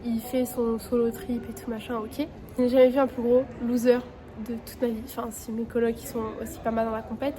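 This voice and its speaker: A woman's voice: on the high side, flat delivery, brisk, dark tone. A woman in her twenties, a student, chatting bluntly and casually in a vlog with lots of slang. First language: French. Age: 20s. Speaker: student vlogger.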